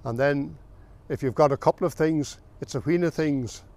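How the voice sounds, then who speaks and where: A man's voice: a little high, darkish tone. Older farmer telling his story. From south of Ireland, County Meath. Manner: plain, unhurried storytelling with filler pauses. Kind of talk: oral history recollection.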